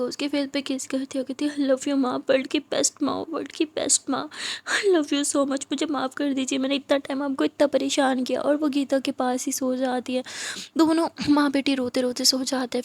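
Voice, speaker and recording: A woman's voice: sits high, a little mellow, no room sound. A woman casually retelling a romance story aloud, quoting each character's lines in her own voice.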